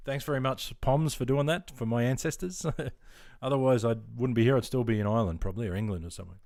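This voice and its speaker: Speaking at a quick pace, a middle-aged Australian man with a medium, slightly mellow voice hangs out on a live stream answering viewers. The sound is clean studio audio with no room sound, and his chat is loose, full of ums and constant mates.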